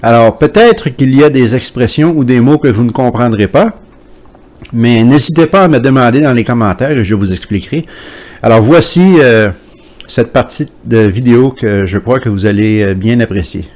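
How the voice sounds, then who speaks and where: A man from Quebec hosting his channel from home, talking to camera in a hesitant way with many pauses. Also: mid-range voice, darkish tone. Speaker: channel host. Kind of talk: casual commentary to camera.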